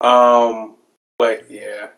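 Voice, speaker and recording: A man's voice: lowish voice, little pitch movement, drawn-out words, fairly bright tone. A man co-hosting a casual gaming chat, talking in slang and repeating himself for emphasis. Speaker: podcast co-host.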